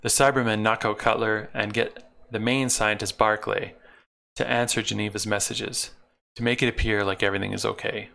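A man's voice: on the low side, level tone, normal speed, vocal fry, pushed and bright. A man narrating a plot recap of an old episode, breaking in now and then with wry, sarcastic asides.

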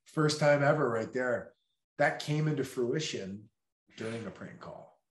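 A man's voice: mid-range voice, measured pace. A man hosts a podcast in loose, jokey conversation that wanders from tangent to tangent. His voice sits in a middle register for a man. The recording is roomy and echoey. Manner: jokey, rambling, laughs easily. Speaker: podcast host. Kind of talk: casual chat.

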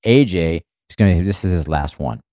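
Man, deep voice, mellow tone, rambling casual podcast chat, lots of fillers. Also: animated, normal speed, no room sound, clean studio sound. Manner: rambling, filler-heavy, many "you know"s. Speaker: podcast co-host, former racing team member.

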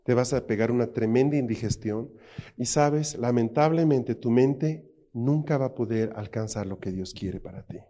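Give me a man preaching a sermon with emphatic force. His voice sits at a middle pitch. He keeps turning to the congregation with rhetorical questions. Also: moderate pace, dark tone.

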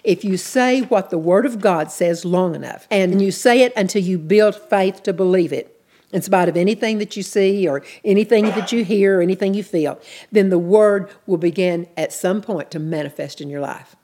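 A woman's voice: medium pitch, moderate pace, warm tone. A woman teaching a sermon in an earnest, plainspoken way, repeating her key points. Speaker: Bible teacher.

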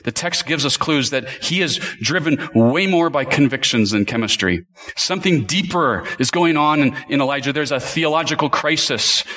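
A man's voice: on the high side, expressive, moderate pace, bright, forceful tone. A man preaching a sermon, reading scripture aloud and building to rhetorical questions with emphatic delivery.

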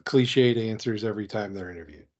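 A man's voice: fairly low pitch, brisk, a crowd in the background. A man co-hosting a casual podcast chat who speaks bluntly and lists examples one after another. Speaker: podcast co-host. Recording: dull lo-fi audio.

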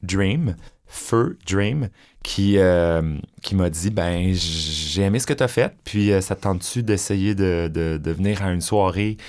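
In a conversational interview, a middle-aged drag performer with a Québécois French accent talks at a measured pace in a low-pitched voice. He's a chatty, animated guest whose stories are full of fillers.

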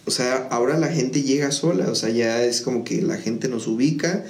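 A man talks through his story as a guest in a casual interview, in a loose, rambling way full of fillers and restarts. His voice sits at an ordinary pitch. The room is echoey, with a faint noise underneath. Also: normal speed, a little mellow. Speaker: music school founder, guest.

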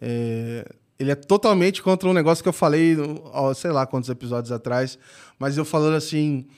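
A man hosting a podcast, introducing his guest and chatting casually in a halting way. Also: mid-range voice, darkish tone. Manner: halting, many "é" fillers and restarts. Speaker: podcast host. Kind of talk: casual interview chat.

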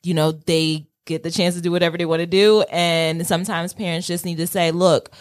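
A woman chats in a reflective, informal way. Her voice is slightly low for a woman. She sounds like an interviewer in a relaxed conversation. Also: a little fast.

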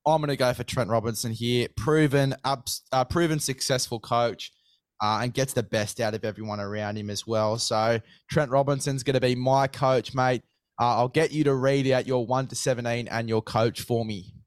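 Male sports podcast host, matey and slangy, clean smooth tone, close dry sound. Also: medium pitch, fairly even intonation, normal speed, dry recording. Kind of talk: casual sports chat.

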